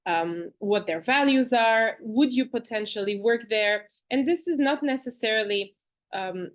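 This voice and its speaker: Woman guest, fairly high voice, chatty and animated, video call, restarts often. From Bulgaria. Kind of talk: conversational interview.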